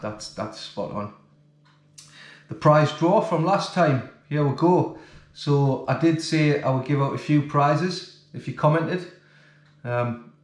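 In a casual vlog, an English fishing-channel host in his forties talks to the camera with a mid-range voice. He chats gratefully and plainly from his home kitchen and then the living room, where the sound is roomy.

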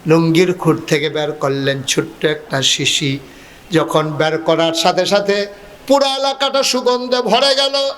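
A man with a Bangladeshi accent delivers a passionate Islamic sermon, recounting a religious story in an emotional, half-chanted style with stretched-out phrases. His voice sits on the higher side and sounds somewhat bright.

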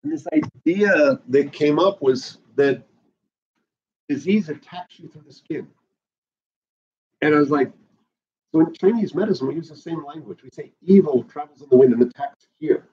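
A middle-aged man from the Bahamas teaching an herbalism class indoors, animated and gesturing a lot while he paces, recorded by a camera at a distance. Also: a little high, moderate pace, pauses often, husky, muffled recording. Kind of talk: lecture to a class. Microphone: far camera on the floor.

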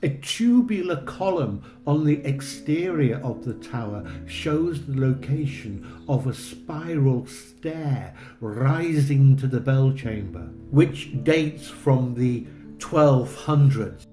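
Slow, measured man narrating a church tour. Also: medium pitch, animated, reverberant, faint music behind. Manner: measured, explanatory, gently enthusiastic. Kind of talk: unhurried documentary narration.

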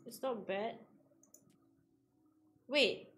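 A woman streamer giving excitable let's-play commentary, thinking aloud as she plays and squealing at the characters. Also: on the high side, extremely slow, a little hiss or hum. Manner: thinks aloud while playing. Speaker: gaming streamer.

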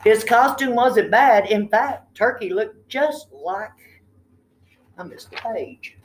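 An older woman storyteller reads a children's picture book aloud expressively, adding chatty asides and questions for her listeners. Her voice is on the high side and she takes it slowly, in an indoor room with a tiled ceiling.

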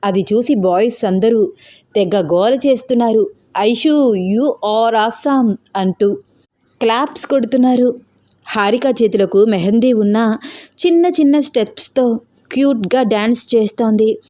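A woman narrating an audio love story in an expressive, steady way. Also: fairly high pitch, normal speed.

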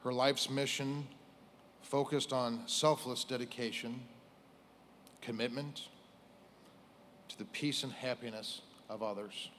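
An American man in his forties delivers a prepared funeral speech in a solemn, measured way, pausing between short phrases as a police chief at a lectern. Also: medium pitch, fairly even intonation, a bit bright, a little hiss or hum. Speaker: police chief giving a eulogy. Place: indoors on a stage at a lectern. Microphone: lectern microphone.

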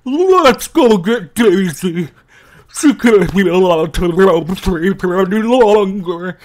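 A speaker voicing a lovestruck tuna pasta monster in a fan fiction read-aloud, speaking in a loud, high, drawn-out way. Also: lively intonation. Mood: eager.

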